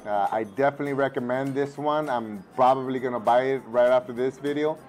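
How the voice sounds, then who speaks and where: Recovering from a lost voice the day before, a husky-sounding man in his thirties tastes and reviews a snack while chatting at his home table. The pitch is medium and steady, the pace brisk, the tone darkish, with faint music behind and a lapel mic. He comes across as easygoing, thinking aloud with fillers and switching to Spanish for his kids.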